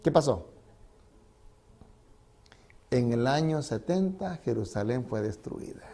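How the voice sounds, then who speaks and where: A man's voice: mid-range voice, animated, slow pace, dark tone. A male pastor preaching a sermon in a church, speaking emphatically and letting his voice rise and fall. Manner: emphatic, rising and falling delivery.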